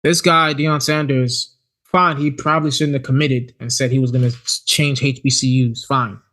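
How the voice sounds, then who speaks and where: A podcast co-host chats casually in a mid-range male voice at a moderate pace. He's animated, often stammering and restarting his sentences.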